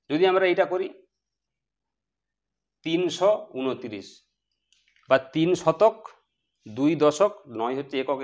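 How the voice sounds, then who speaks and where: Male math tutor, slightly high voice, question-and-answer delivery, muffled lo-fi sound. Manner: asks the class questions then answers them himself. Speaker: math teacher. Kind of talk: explaining math to students.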